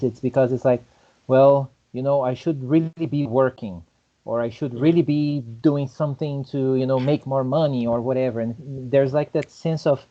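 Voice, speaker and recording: A man's voice: mid-range voice, dark tone, dull audio. A man chatting casually in an online meetup, explaining his ideas in long, rambling turns. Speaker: meetup participant. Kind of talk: casual chat.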